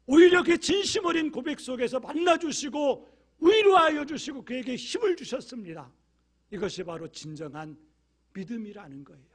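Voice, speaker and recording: A male pastor delivers a sermon in a high voice. He moves between quiet, low passages and loud, forceful appeals. He voices the prayers he quotes with emotion. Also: lively intonation, moderate pace. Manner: swings from hushed, low asides to loud, emphatic appeals.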